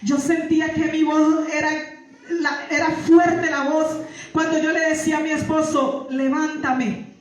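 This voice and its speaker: A woman giving a fervent church testimony. She repeats her phrases and breaks into praise, rising at times to shouting. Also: sits high, level tone, a little slow. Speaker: testimony giver. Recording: echoey hall, far from mic.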